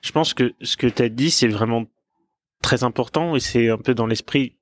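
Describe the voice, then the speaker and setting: A man hosts a relaxed interview, teasing his guest and repeating words as he searches for what to say. His voice sits in an ordinary middle range. The recording is dry and close. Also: mid-range voice, moderate pace, no echo. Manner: joking, repeats words while thinking. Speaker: interviewer, host. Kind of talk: casual interview hosting.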